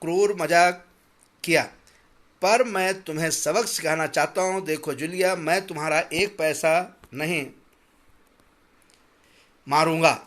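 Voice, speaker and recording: A man's voice: fairly high pitch, slow, long pauses. A man voicing a stern, calculating employer who counts out wages and lectures his governess in a clipped, pedantic way. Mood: lecturing. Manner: pedantic, then shouting and stammering in anger.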